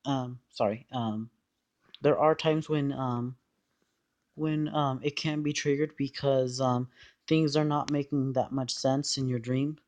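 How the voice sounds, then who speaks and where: A man giving a casual explanatory monologue in a hesitant, halting way, often trailing off. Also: mid-range voice, fairly even intonation, darkish tone.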